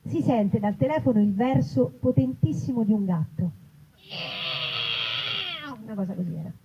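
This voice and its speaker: A writer and actress reads comic vignettes from her own book to a live audience on an outdoor festival stage in an olive grove. Her voice has a medium pitch and normal speed, and the live recording is dull and noisy.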